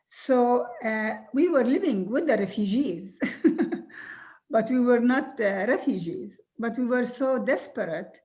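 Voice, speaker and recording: Slow-speaking older woman from Jordan. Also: a little high, lively intonation. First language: Arabic. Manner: slow, earnest storytelling with soft laughs. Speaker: guest speaker. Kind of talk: recorded video conversation.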